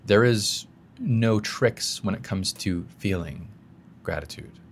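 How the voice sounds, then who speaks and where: Low-voiced man coaching casually. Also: takes it slowly, slight background noise. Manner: conversational, guides listener through exercises, occasional swearing. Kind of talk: casual spoken self-help talk.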